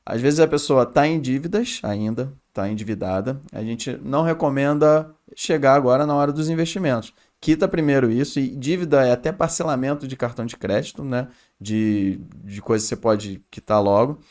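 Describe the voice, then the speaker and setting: A man's voice: mid-range voice, brisk, hardly any pauses, a little mellow. A man co-hosting a podcast, explaining things step by step in colloquial, casual talk. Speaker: podcast co-host.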